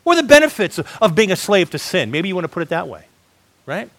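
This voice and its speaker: Animated, high-pitched preaching man. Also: fast, no room sound. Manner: conversational, emphatic, frequent "right?" and "folks". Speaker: pastor. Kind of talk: sermon.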